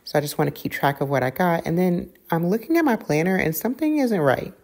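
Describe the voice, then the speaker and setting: Middle-aged woman, low-pitched, relaxed home vlogger talking to a table camera. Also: quick pace. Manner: chatty, self-correcting, many fillers. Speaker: lifestyle vlogger. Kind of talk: casual vlog chat. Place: home dining room, indoors.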